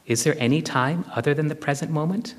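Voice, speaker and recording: A man's voice: on the high side, a little fast. A man giving a spiritual discourse and guided meditation, repeating short phrases for emphasis and putting probing questions to his listeners. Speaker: spiritual teacher. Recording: long hall reverb.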